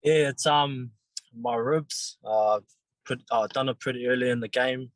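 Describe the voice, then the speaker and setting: Pausing and restarting often, a young New Zealand rugby league player in his twenties answers an interviewer's questions in a relaxed manner. His voice is medium in pitch, and the recording is dry.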